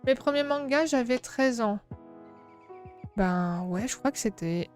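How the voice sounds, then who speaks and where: A high-pitched woman in her twenties, talking to her stream while she crafts at home. She rambles in a relaxed, chatty way, laughs often and answers chat aloud. Soft music plays faintly behind her. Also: a little slow. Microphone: streaming microphone.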